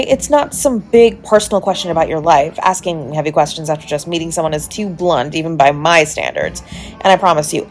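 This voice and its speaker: A woman with a somewhat low, slightly mellow, natural voice plays a charming party guest, a smooth-talking stranger who flirts playfully with the listener. It's an intimate romantic audio roleplay, one-sided and chatty, coy, and teasing. Music plays in the background.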